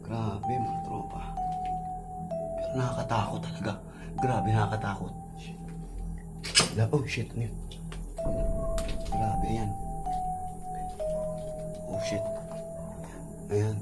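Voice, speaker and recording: A hoarse young man exploring an abandoned building at night, talking to his viewers in a tense, hushed voice and swearing under his breath. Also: fairly low pitch, steady tone, slow pace, long pauses. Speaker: vlogger. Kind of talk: hushed exploration vlog narration. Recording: vlog over loud background music. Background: loud music.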